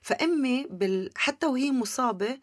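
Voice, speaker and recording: A woman's voice: high-pitched, expressive, normal speed, no echo, clean studio sound. A woman with a Palestinian Levantine Arabic accent, telling personal stories as a guest in a conversational interview.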